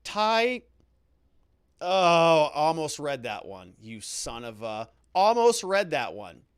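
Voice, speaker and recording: A middle-aged American man hosts a livestream as a legal commentator, reading viewer comments aloud and adding wry, joking asides in a conversational way. His voice is on the high side with big pitch swings and a slow pace. The studio sound is clean, with no room sound.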